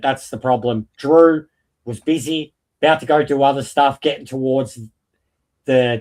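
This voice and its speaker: A man with a medium-pitched voice chats casually about wrestling as a podcast panellist. He is emphatic and opinionated, rambling on and swearing freely as he makes his case.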